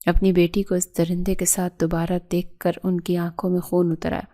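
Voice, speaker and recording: A woman narrating a dramatic audio story in a steady, emotive way. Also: lowish voice.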